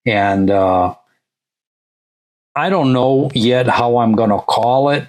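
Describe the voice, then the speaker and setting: A middle-aged Latvian channel host narrates casually over a shared screen in English, his third language. He rambles, leaning heavily on "uh" and "you know." His mid-range voice is slow and darkish, and the recording quality is low.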